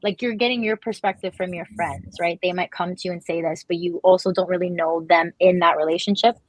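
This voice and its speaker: A woman with a Toronto accent talks casually in a group discussion. Her voice is on the low side and recorded dry, and she often seeks agreement as she makes her point. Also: fairly even intonation, a little fast, no echo, low-quality recording. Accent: Toronto Canadian. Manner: conversational, checks agreement with "right".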